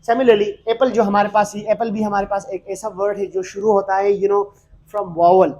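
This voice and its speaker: Guy with teaching grammar, kinda high voice, goes step by step n repeats himself a lot. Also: flat delivery, moderate pace, a little mellow. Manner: explains step by step, repeats words and restarts, often says "matlab". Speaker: English teacher. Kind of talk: recorded lesson explaining grammar.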